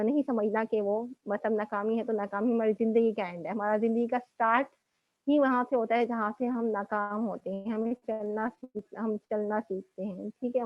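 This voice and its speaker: A woman's voice: mid-range voice, no echo, narrow, tinny audio. A woman motivational speaker lecturing young women in a conversational way, often checking in with "okay" and mixing in English words. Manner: conversational, repeats "ٹھیک ہے" and mixes in English words.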